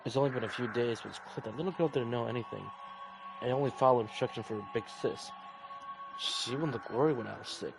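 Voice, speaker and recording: Fast-talking and gravelly, a man of medium pitch reads out a visual novel in a casual playthrough manner, rambling slightly. The audio quality is poor, and music can be heard playing in the background.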